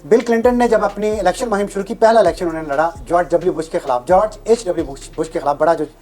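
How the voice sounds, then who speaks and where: A woman's voice: lowish voice, very fast, darkish tone. A woman from Pakistan earnestly lecturing as a panelist on a TV show. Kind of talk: TV panel commentary.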